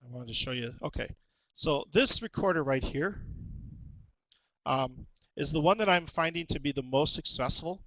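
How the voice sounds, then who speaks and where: A man presenting an instructional webinar as a teacher, talking through tools in a halting way with many ums and restarts, on a headset. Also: a little high, sharp tone, no echo, dull audio. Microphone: headset with headphones.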